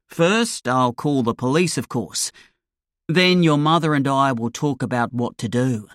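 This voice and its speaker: A protective father, read by a storybook narrator, steady and firm. The delivery is unhurried, in a dry, close recording. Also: medium pitch, dry recording, close to an everyday voice. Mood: calm, firm. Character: calm, protective father and restaurant owner.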